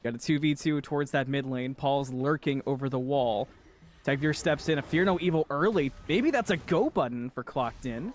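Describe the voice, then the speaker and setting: A man's voice: medium pitch, normal speed. A man casting an esports match with play-by-play commentary and jokey banter. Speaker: esports caster.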